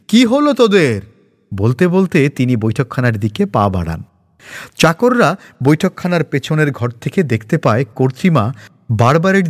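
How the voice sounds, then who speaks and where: A man narrating a cartoon story in a lively, expressive reading style. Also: fairly high pitch, slightly rough. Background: background music.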